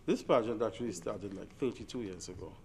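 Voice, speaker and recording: A man who produces pageant shows, appearing as a guest on a morning TV chat. His voice is somewhat low. He explains the pageant's background patiently, with many pauses and ums. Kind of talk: TV interview guest.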